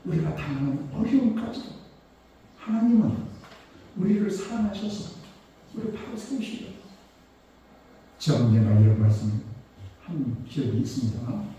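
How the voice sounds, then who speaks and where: An older male pastor preaching a sermon, telling a personal story with emotion, swinging from hushed tones to loud exclamations. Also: a little high, very animated, normal speed, long pauses, slight background noise. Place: church sanctuary. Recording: echoey church hall, mic at a distance.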